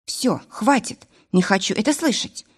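A woman voicing a nervous young woman, a former ballerina, speaking in an anxious, higher voice. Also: animated, a little slow, slightly rough. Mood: alarmed.

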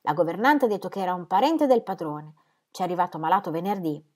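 A woman's voice: lowish voice, animated, quick pace, a little mellow, natural voice. A woman voicing a gossipy male draper who eagerly passes on news. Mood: newsy.

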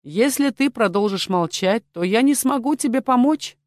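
Woman voicing guard captain, quiet, confident, menacing, dry close read. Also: on the high side, lively intonation, moderate pace, dry recording, pitched above the performer's own voice, natural voice. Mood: soothing. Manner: quiet, confident, turns cold. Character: male castle guard chief, calm, quietly menacing. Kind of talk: audiobook character voice.

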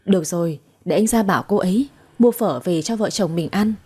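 Old man, stern grandfather and doting husband in a spoken story, read by a woman; breathy, mellow. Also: lowish voice, fairly quick. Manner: scolding toward granddaughter, tender toward wife.

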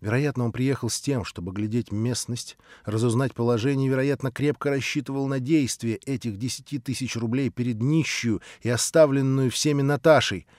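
A man narrating a classic novel as an audiobook in a measured storytelling manner. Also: mid-range voice, fairly even intonation, a little mellow, no room sound, studio quality. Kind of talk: scripted literary narration.

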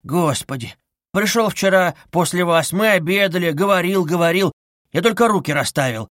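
A man's voice: high voice, expressive, normal speed, fairly bright tone, no echo, clean studio sound, pitched above the performer's own voice. A man voicing a sly, fawning middle-aged male investigator who wheedles and needles with ingratiating asides. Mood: insinuating.

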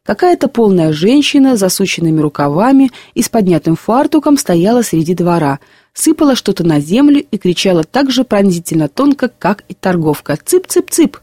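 A woman narrating classic prose in a measured, expressive storybook reading. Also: mid-range voice, dry recording, studio quality.

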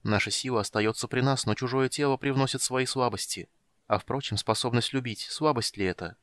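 A man reading the part of a gentle, sorrowful young woman, speaking softly and tenderly. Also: mid-range voice, fairly quick, no echo, lightly acted. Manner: soft, quiet and tender.

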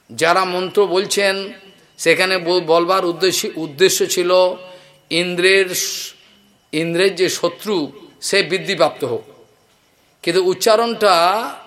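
A man giving a devotional scripture discourse, chanting verses slowly and telling stories in an animated way. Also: high voice. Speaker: Bhagavata preacher.

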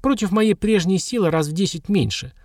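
A woman's voice: mid-range voice, expressive, fairly quick, darkish tone, no echo, voice pushed up, close to an everyday voice. A male reader voicing an old village witch woman who heals, knowing and grumbling, with a dry chuckle. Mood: confiding. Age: older.

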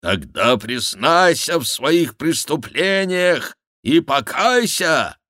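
Casting: a man playing a solemn voice from above, slow, preaching, dry studio sound. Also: fairly high pitch, big pitch swings, bright, forceful tone, dry recording, pitched above the performer's own voice, heavily acted. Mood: stern. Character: booming male voice posing as God, stern.

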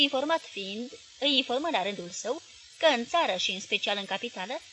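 A woman narrating a novel as an audiobook in a measured, expressive reading. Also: medium pitch, low-quality recording. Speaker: audiobook reader.

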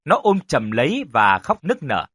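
Expressive male horror-story narrator. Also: mid-range voice, a little slow, slightly rough, dry recording, clean studio sound. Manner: dramatic, expressive reading.

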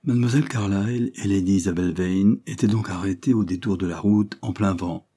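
A man narrating a classic novel as an audiobook, in a measured literary reading. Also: low-pitched, fairly even intonation, warm tone, slightly rough. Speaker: audiobook reader. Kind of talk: scripted narration.

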